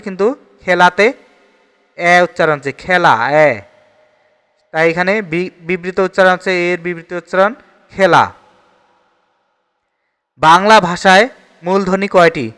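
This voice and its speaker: A man's voice: high-pitched, steady tone, moderate pace, long pauses, fairly bright tone, clean tone, long reverb tail. A man with a Bangladeshi Bengali accent teaching an exam-prep grammar lesson, steadily reading each question and repeating the answer.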